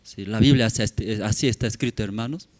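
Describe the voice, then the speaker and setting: A man's voice: on the low side, fast, a little mellow. A man preaching a sermon in a church, telling a story with many rhetorical questions to the congregation and speaking in simple, broken phrases. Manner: non-native Spanish with simplified grammar. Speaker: pastor.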